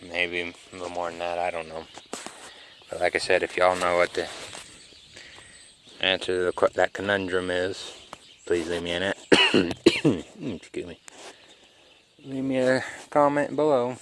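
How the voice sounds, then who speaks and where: Man, very deep voice, drowsy rambling vlog chat, phone mic outdoors. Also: unhurried, long pauses, a bit bright, slight background noise. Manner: laid-back, rambling, drawling. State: sleepy, yawning. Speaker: car vlogger. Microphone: phone camera.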